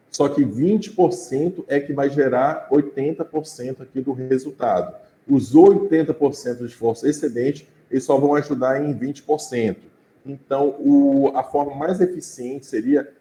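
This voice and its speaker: With a mid-range, mellow voice and a Brazilian Portuguese accent, this man teaches an informal class, chatting conversationally and frequently checking in with his students. The recording has a roomy echo.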